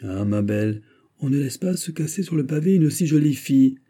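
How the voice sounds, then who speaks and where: A man's voice: medium pitch, expressive, fairly quick, warm tone, pitched above the performer's own voice, natural voice. A man doing a smug lecherous prince. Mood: smug, coaxing. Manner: smug, coaxing, teasing. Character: lecherous noble prince, mocking and pushy.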